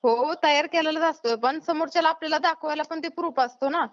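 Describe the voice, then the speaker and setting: A high, steady, brisk voice belongs to a woman YouTuber with a Maharashtrian accent who's being prank called. She talks bluntly and asks many questions in this casual conversation, recorded as a dull, lo-fi phone call.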